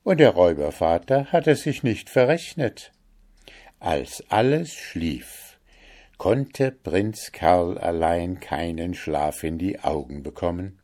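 Man reading an old fairytale, slow and kinda low, calm. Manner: slow, measured storytelling. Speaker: storyteller.

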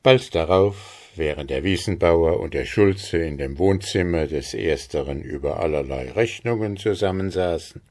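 Slow, calm male storyteller. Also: sits low. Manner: calm, measured. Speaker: narrator. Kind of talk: storybook reading.

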